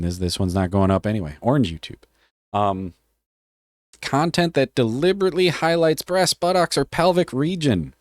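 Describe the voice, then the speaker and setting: This deep-voiced man is live-streaming, reading a policy aloud as he jokes around with his chat and swears frequently. The recording is clean studio sound without echo. Throughout, he's casual and joking, dropping curse words freely.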